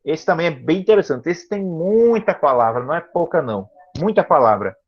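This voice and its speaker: A man's voice: fairly high pitch, lively intonation. Man, tired teacher, online class, patient explanations, frequent check-ins, muffled lo-fi sound. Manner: patient, repeats words slowly and checks understanding often. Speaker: English teacher.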